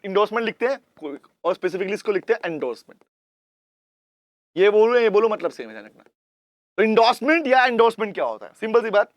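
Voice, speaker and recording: Male commerce teacher, very high voice, dry close sound, repeats key terms. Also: a bit bright, no room sound. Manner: explains in Hindi mixed with English terms, repeats points, calls out to students. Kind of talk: classroom lecture.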